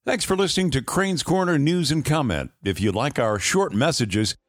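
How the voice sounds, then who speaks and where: A man's voice: on the high side, expressive, normal speed, no room sound. A man in his sixties reading a scripted radio news commentary, telling anecdotes in a dry, wry way. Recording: dry close studio sound.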